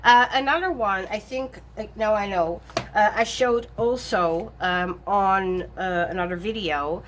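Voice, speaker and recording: A woman's voice: mid-range voice, unhurried, a bit bright. A woman talking through her tarot decks in a loose, rambling vlog chat. She backtracks and rephrases often and breaks into easy laughs. Faint room noise sits under her voice. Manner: chatty and self-correcting, laughs often. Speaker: tarot vlogger.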